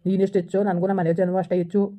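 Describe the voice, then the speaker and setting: A man's voice: high-pitched, level tone, rapid-fire, dark tone. A man in a scripted family drama, angrily and insistently scolding his wife over a phone call. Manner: angry, insistent, repetitive scolding. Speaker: husband in a family skit.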